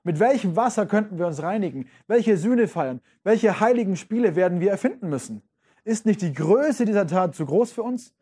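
A man's voice: sits high, lively intonation, normal speed, warm tone, breathy edge, voice pushed up. A man voicing a frantic male madman who proclaims God's death in impassioned rhetorical questions.

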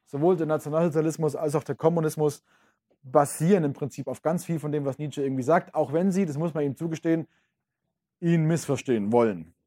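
Lecturer, man, high mellow voice, chatty and direct with the audience. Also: brisk. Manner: casual, addresses listeners directly, many fillers. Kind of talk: informal lecture.

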